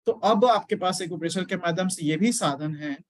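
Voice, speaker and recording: High-voiced man teaching acupressure. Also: fairly quick, no room sound. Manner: explains step by step, checks in with "है ना?". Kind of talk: Hindi-English lecture class.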